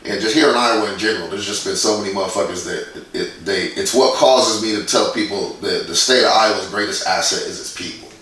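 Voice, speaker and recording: A man's voice: fairly low pitch, fast, hardly any pauses, fairly bright tone, very echoey, distant mic, a little hiss or hum, low-quality recording. A man in his forties from Indiana, a guest in a casual interview, who tells stories bluntly and swears freely. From Indiana, USA. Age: 40s. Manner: blunt, profane, storytelling. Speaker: guest, graffiti artist.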